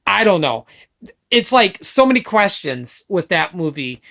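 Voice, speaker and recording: A woman vlogging casual opinion chat, excitable and gushing, swearing casually, filmed on a webcam or phone. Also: on the low side, a little slow, gravelly.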